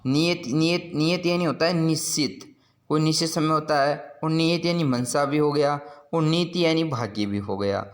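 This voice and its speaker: A man's voice: on the high side, normal speed. A man teaching a school lesson, patiently explaining word meanings and repeating each point.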